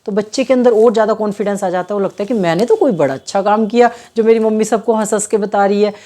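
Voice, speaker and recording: A woman's voice: mid-range voice, quick pace, dark tone. A woman giving parenting advice in a casual, earnest talk, often checking in with the listener and acting out quoted mothers.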